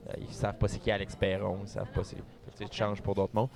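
A man's voice: on the low side, rapid-fire, vocal fry. A man with a Québécois accent, a magician chatting casually in an interview and acting out audience reactions. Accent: Québécois French. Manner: animated, acts out audience reactions. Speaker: magician and stage performer.

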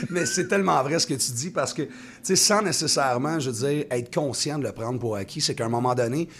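A man in his thirties with a Québécois accent, a touring singer-songwriter chatting in a radio interview, rambling with many restarts and quick laughs. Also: medium pitch, fairly bright tone, slight background noise. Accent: Québécois French. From Quebec. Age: 30s.

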